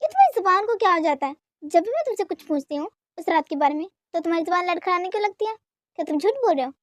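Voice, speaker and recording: A stubborn young wife who pouts and insists on getting her way, as voiced by a woman in an amateur fan dub. Her voice sits extremely high and comes across dry and close, with nothing of the room around it. She keeps pressing and accusing in short, insistent bursts. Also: animated, dry recording. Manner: insistent, pouting, quick to accuse.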